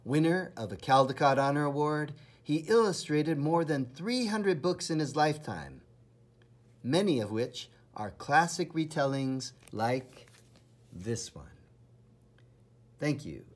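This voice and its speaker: A man with a fairly high, husky, breathy voice reads a children's storybook aloud, unhurried, dramatic and full of expression.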